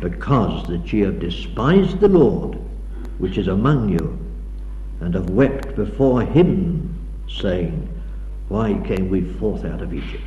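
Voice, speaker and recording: A man's voice: deep voice, big pitch swings, slow pace, mellow, highs cut off, slight background noise. A man delivering an evening address in a hall, reading scripture aloud in a dramatic, declaiming way, heard on an old 1960s tape recording. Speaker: preacher. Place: lecture hall.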